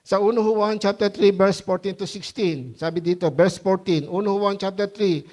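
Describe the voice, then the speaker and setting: A man preaching a sermon as pastor in a loose, conversational way, often asking the congregation questions and laughing as he tells stories. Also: normal speed. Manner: lively, with high-pitched voiced quotes and laughter.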